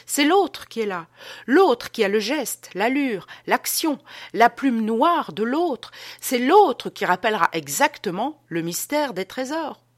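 A woman's voice: a little high, very animated, slow pace, no room sound, clean studio sound, pitched above the performer's own voice, heavily acted. A woman reading the part of a pompous man who lectures with emphatic rhetorical questions.

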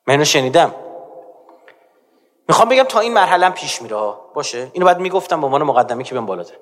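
A male preacher with a fairly high voice, lecturing emphatically and pressing the audience to pay attention. His speech swings between quiet asides and raised points. It rings with a long reverb from a large hall. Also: big pitch swings. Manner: emphatic, keeps urging the audience to listen. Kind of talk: religious lecture.

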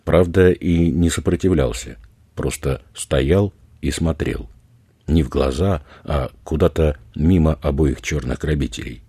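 Male narrator, extremely low voice, dark, husky, dry close recording. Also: unhurried, no echo. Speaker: audiobook narrator. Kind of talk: scripted narration.

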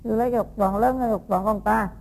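A man's voice: sits high, steady tone, fast talker, creaky, in a large hall, pitched above the performer's own voice, rough recording. A man voicing an angry woman who accuses a monk of stealing and keeps scolding him. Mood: accusing. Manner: scolding, insistent.

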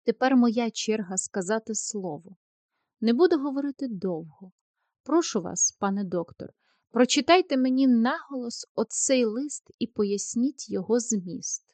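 Woman doing a cold hurt young lady, reproachful, kinda high pitched, dry. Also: expressive, a little slow, darkish tone, no echo. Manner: cold, reproachful, turning tearful. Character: proud young woman, post office clerk, wounded and indignant. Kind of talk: audiobook character reading.

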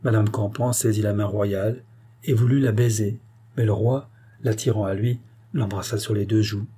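Brief: male narrator, classic novel audiobook, steady measured read, husky and mellow. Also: lowish voice.

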